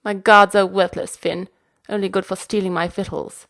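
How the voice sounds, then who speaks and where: A woman's voice: medium pitch, flat delivery, moderate pace, gravelly, fairly bright tone. A woman voicing an imperious elderly queen who barks commands in a haughty manner. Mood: wistful, grand. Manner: haughty, barking orders.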